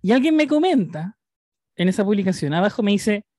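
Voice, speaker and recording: A man's voice: high-pitched, very animated, a little fast, darkish tone, dry recording, clean studio sound. A Chilean man co-hosting a podcast, ranting crudely in casual banter and swearing often. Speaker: podcast co-host.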